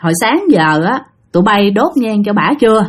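Woman doing a calm old father. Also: mid-range voice, moderate pace, close to an everyday voice. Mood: reassuring. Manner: gentle, soothing. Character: older father, calm and reassuring.

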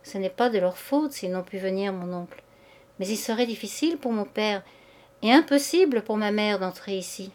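A woman voicing a young nobleman nephew who speaks politely with gentle irony. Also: medium pitch, animated, fairly quick, few pauses, natural voice.

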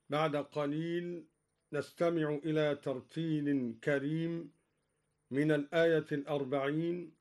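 A man explaining Quran reading variants slowly, chanting verse examples in a measured, melodic recitation style. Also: a little high, darkish tone. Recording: live radio broadcast recording.

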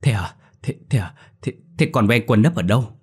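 A man's voice: fairly low pitch, lively intonation, fairly quick, darkish tone, husky. A man doing a blunt young guy. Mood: puzzled.

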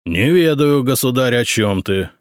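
A man reading an audiobook, voicing a calm, stubborn old boyar who answers in a level, dignified way. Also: mid-range voice, dry recording, studio quality, pitched above the performer's own voice, natural voice. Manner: level, dignified, unhurried replies.

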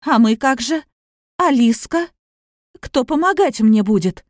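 A woman's voice: medium pitch, expressive, normal speed, a little mellow, no room sound, clean studio sound, lightly acted. A woman reading the lines of a selfish adult daughter who speaks with scorn and hysteria. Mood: scornful.

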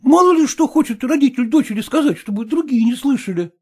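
A man's voice: extremely high pitch, animated, brisk, breathy edge, voice pushed up, heavily acted. A man voicing a timid, obsequious suitor who speaks in a servile, ingratiating way. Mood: fawning.

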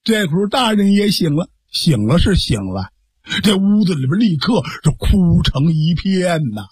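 A male storyteller, telling a tale in lively, dramatic style. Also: high voice, moderate pace, breathy edge, no echo. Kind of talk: Chinese storytelling performance. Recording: dry studio broadcast.

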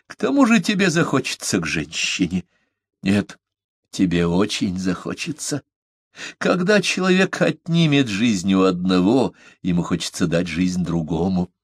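A man reading an audiobook voices a huge, proud young island woman who shouts in slow, emphatic outrage. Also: low-pitched, big pitch swings, slightly rough, dry recording, clean studio sound, heavily acted. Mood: earnest.

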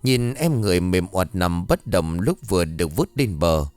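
A man narrating a ghost story in a somber, expressive storytelling manner. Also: low voice, moderate pace, dry recording. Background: faint music.

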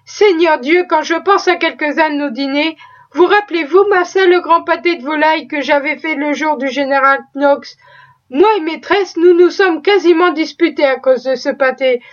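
Woman reader as a talkative, pious cook with a high voice, folksy and full of exclamations, on a dull lo-fi recording. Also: normal speed, lightly acted. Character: proud, chatty, pious female cook.

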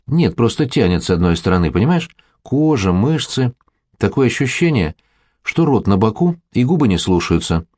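A man's voice: mid-range voice, very animated, normal speed, a little mellow, dry recording, clean studio sound. A man voicing a scarred, anxious young male actor in an audiobook, glum and self-mocking.

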